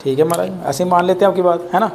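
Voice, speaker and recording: A man's voice: high voice, very fast, gravelly, slight background noise. Chatty male physics teacher, teasing class. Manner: chatty, teasing students with rhetorical questions.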